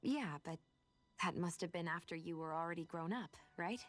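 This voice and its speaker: An actress playing a reserved but caring young woman companion in a game, asking gentle questions. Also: on the low side, normal speed, dry recording, faint music behind, close to an everyday voice. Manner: soft-spoken, probing, gentle. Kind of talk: game voice acting.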